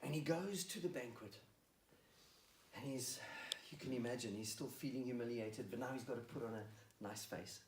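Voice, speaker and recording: A man preacher retelling a Bible story in the first person, animated and lively. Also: moderate pace, noisy background. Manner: animated, rises to excited high pitch when tense. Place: church hall. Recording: roomy hall, mic at a distance.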